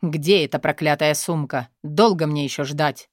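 A woman's voice: low voice, moderate pace, no echo, studio quality, lightly acted. A woman voicing a short-tempered, threatening male henchman in an audiobook, barking out commands. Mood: impatient.

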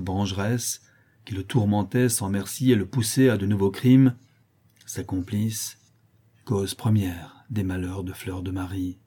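A man narrating a classic novel as an audiobook, in a measured, expressive reading. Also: mid-range voice, breathy edge. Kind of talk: scripted narration.

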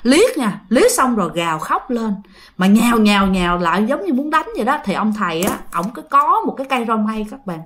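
A woman's voice: on the high side, a little fast. A woman telling a ghost story, speaking straight to her listeners and acting out the voices. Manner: animated, addresses listeners directly, acts out voices.

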